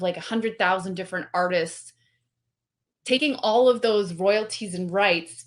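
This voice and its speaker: A woman answers as a guest in a relaxed interview, speaking in an animated, eager way. Her sentences loop through fillers and fresh starts as she works through her points. Her voice sits in a middle register for a woman. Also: medium pitch. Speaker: guest, company representative. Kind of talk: casual conversational interview.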